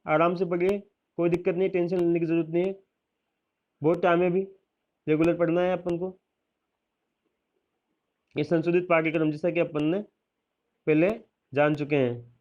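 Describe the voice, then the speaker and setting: Man teacher, high voice, steady listing, dull recording. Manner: steady listing, reassuring asides. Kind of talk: explaining a school syllabus.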